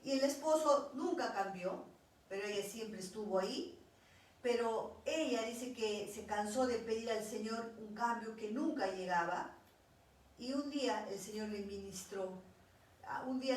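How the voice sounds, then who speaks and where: A woman's voice: medium pitch, heavy reverb, recorded from a distance. A woman preaching a sermon, earnest, with repeated pleading phrases.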